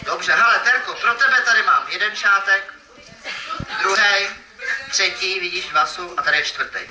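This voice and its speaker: Playful male kids' magician, echoey and distant. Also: sits high. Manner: playful, teasing, calls out to kids and audience. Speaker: children's magician. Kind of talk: live magic show for kids. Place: event hall with audience. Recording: echoey, distant mic, noisy ambience.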